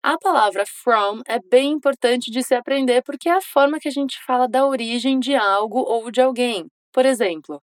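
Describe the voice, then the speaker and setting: A woman's voice: on the high side, no echo. Encouraging woman teaching English. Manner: encouraging, models English phrases slowly for repetition. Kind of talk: scripted language lesson.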